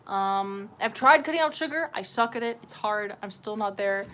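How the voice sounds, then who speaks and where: A woman's voice: mid-range voice, expressive, moderate pace, a bit bright, a little hiss or hum. A woman livestreamer venting in casual chat, swearing freely and rambling with lots of fillers. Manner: profane, exasperated venting with many fillers.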